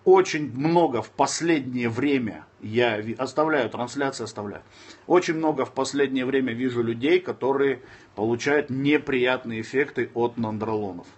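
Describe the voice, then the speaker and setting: Sitting indoors with his phone close, a Dagestani man in his thirties answers livestream viewers at a normal pace in a slightly rough, mid-range voice. The stream is casual, and he's blunt, cursing freely and snapping at trolls between calm advice.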